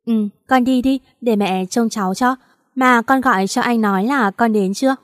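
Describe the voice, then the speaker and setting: A woman narrator voicing a caring, wealthy older mother who talks warmly and reassuringly to her daughter. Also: fairly high pitch, normal speed, no room sound, studio quality, lightly acted. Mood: fond.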